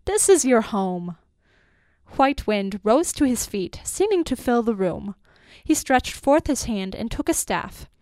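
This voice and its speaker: A woman narrating a story aloud in a measured, expressive way, lingering over long lists. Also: fairly high pitch, dry recording, clean studio sound. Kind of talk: storybook reading.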